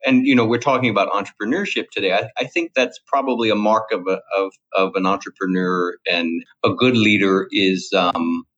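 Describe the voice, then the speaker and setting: A man's voice: fairly low pitch, steady tone, moderate pace, few pauses, a bit bright. A middle-aged man from Louisiana with a Cajun accent, a guest chatting casually, rambling and repeating his words. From Louisiana, USA. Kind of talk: casual interview talk. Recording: dull lo-fi sound.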